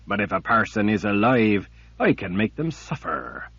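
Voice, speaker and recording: A man voicing a cruel, patient male emperor villain who speaks in a cold, deliberate, menacing way. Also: lowish voice, sing-song, a bit bright, husky, no room sound, heavily acted. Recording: dull lo-fi recording.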